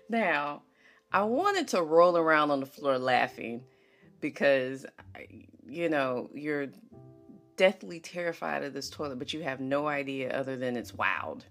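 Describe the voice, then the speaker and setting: A woman's voice: deep voice, expressive, unhurried, long pauses, a bit bright, soft background music. A woman hosting a podcast, telling a personal story in a casual, chatty way, laughing often and checking in with the listener. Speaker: podcast host.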